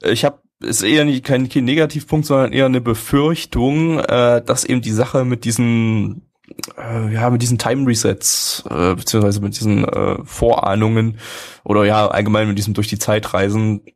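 A man's voice: lowish voice, fairly even intonation, moderate pace. A man hosting a casual anime discussion on a live stream, arguing his point hesitantly and circling back to restate it.

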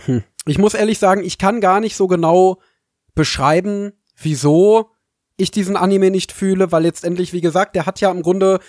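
High-voiced hesitant podcast man. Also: moderate pace, darkish tone, no echo, studio quality. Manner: hesitant, reflective, fillers. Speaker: podcast co-host. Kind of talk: casual chat.

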